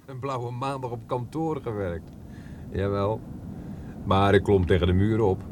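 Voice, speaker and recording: Man dubbing a cocky chauffeur, habitual liar, teasing banter, lowish voice. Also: a little slow, darkish tone, lightly acted. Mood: boastful. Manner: breezy, teasing, boastful banter. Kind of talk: dubbed film dialogue.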